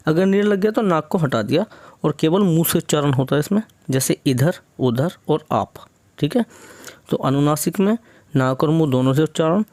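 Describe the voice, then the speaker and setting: A man's voice: on the high side, darkish tone, dry recording. A young man teaching a Hindi grammar lesson for exam preparation, explaining step by step, mixing in English words and often checking in with "theek hai".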